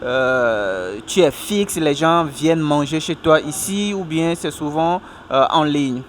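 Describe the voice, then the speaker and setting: A man hosting a casual outdoor interview at a food stall, speaking in a lively, upbeat way. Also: a little high, slow, slight background noise. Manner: lively and upbeat, laughs easily. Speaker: interviewer and show host.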